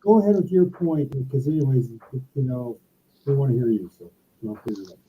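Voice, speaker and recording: A man's voice: medium pitch, sing-song, brisk, warm tone. A man on a video call whose voice comes through muffled, as if he is talking inside a barrel, chatting casually and joking. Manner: joking, laughing at his own remarks. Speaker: discussion participant.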